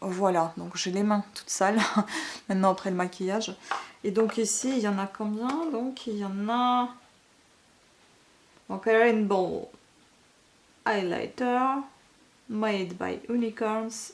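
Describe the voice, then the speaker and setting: A woman's voice: mid-range voice, steady tone, normal speed. Chatty woman unboxing beauty products. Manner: chatty, frequent fillers and tag questions. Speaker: beauty vlogger. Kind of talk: casual unboxing chat. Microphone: camera microphone.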